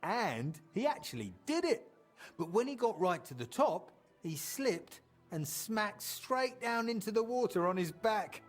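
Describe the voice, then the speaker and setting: In video game dialogue, a chatty medieval townsman fondly and wryly reminisces about an old drinking friend, acting out quotes as an animated, colloquial storyteller. His voice is a bit high, exaggerated and very lively, a little slow, with faint music behind.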